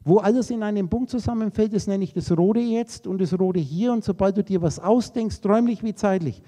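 A man's voice: sits high, mellow. A man giving a spiritual lecture to a live audience, rambling through associative wordplay on names and letters and talking to his listeners directly and informally. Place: lecture room.

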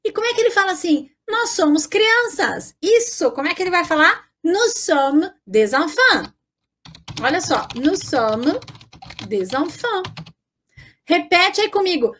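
A woman with a Brazilian Portuguese accent teaching an online French lesson. She is lively and encouraging and slowly models French phrases for the viewer to repeat. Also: very high voice, slight background noise.

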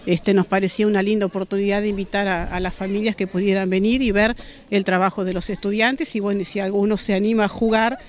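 A woman in her forties with a Uruguayan accent, a school principal answering a news interview outdoors, speaking in a measured way with many "este" fillers. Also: medium pitch, flat delivery. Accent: Uruguayan Spanish. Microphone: handheld reporter mics held to her face.

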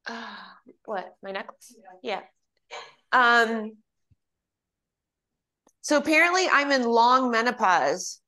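A woman in her fifties leading a live online exercise class from home, chatting and laughing before calmly cueing each move. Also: fairly high pitch, slow, pauses often. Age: 50s. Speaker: fitness instructor.

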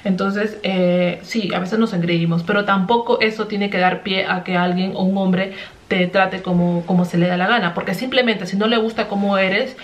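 A woman's voice: mid-range voice, steady tone, moderate pace, dull audio. A young adult woman vlogging, telling a personal story in an earnest, chatty way and often tagging her sentences with a questioning "right?". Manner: earnest, chatty, tags lines with "¿no?".

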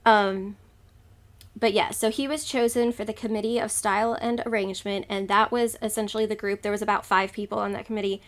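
A woman's voice: medium pitch, fairly even intonation, a little fast. A woman co-hosting a podcast, talking casually with lots of fillers as she explains history from her notes. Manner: rambling, filler-heavy, breezy. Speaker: podcast co-host. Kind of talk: casual chat.

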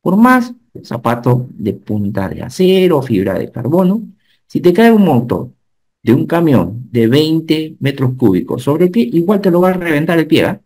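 Animated man in his fifties teaching. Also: a little high, moderate pace. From Peru. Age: 50s. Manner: animated teacher, asks the class checking questions. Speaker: occupational safety instructor. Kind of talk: online lecture.

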